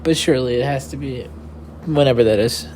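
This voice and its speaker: A man's voice: mid-range voice, a little fast, darkish tone, slight background noise. A tired young man hosting a casual rambling monologue, meandering with many fillers and restarts. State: tired and yawning. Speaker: podcast host.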